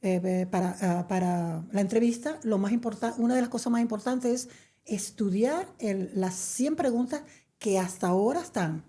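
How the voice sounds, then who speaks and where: A woman from Venezuela, telling her story in an interview; she hesitates with many fillers and restarts, then turns lively and emphatic. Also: medium pitch, moderate pace. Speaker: interview guest. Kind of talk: conversational storytelling.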